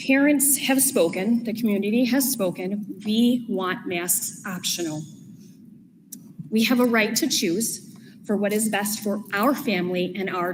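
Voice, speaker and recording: A woman, a parent, giving an earnest public comment at a school board meeting, with chatty asides. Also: mid-range voice. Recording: echoey hall with steady background noise.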